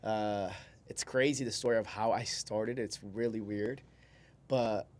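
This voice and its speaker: Speaking at a measured pace in a lowish, steady, darkish voice, this podcast guest, a solar salesman from Brazil in his 20s, recounts his story informally and rambles casually, chuckling now and then.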